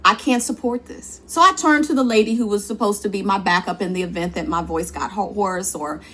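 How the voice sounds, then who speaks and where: A woman's voice: mid-range voice, a little fast, pushed and bright. A woman, a church singer, telling her personal testimony in an earnest, conversational and emphatic way.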